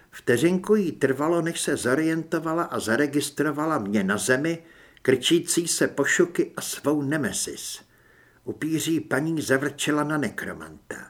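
A man reads a first-person audiobook with dramatic, lively storytelling. His voice is husky, and it rises and falls freely across each sentence. Overall he keeps to a mid pitch. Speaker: audiobook narrator.

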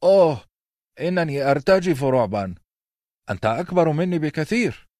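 A man's voice: fairly high pitch, animated, brisk, darkish tone, no room sound, voice pushed up. A haughty young prince, voiced by a man, sneers at everyone with a thin, raised voice. The reading sounds dry and close to the mic, a storybook scene. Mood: sneering. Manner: mocking, bored, scornful. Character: arrogant, sneering teenage prince.

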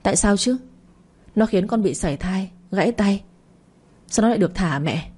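A woman's voice: medium pitch, expressive, normal speed, a little mellow, husky. A woman voicing a young woman who grieves and accuses, in a tearful, indignant storybook voice. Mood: grieving.

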